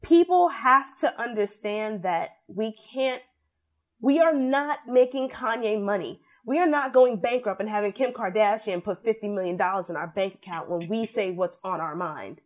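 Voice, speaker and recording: A young adult woman in casual podcast discussion, opinionated and animated, often acting out what others said. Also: medium pitch, moderate pace. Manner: animated, opinionated, acts out quoted voices.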